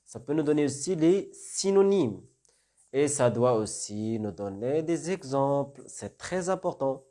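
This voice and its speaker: A man's voice: medium pitch, animated, warm tone. A man teaching French vocabulary in a lesson, explaining step by step and often checking with "d'accord?". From North Africa. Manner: explains slowly with repeated questions and "d'accord?". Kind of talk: classroom-style lesson.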